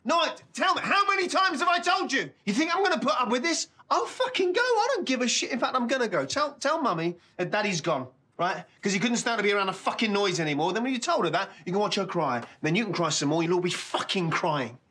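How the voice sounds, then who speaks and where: Volatile sweary father, forties, pitch all over the place. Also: lively intonation, fast, hardly any pauses, fairly bright tone, husky, exaggerated voice. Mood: raging. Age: 40s. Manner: explosive swearing rants, then remorseful. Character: hot-tempered middle-aged father, volatile and sweary. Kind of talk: TV comedy-drama acting.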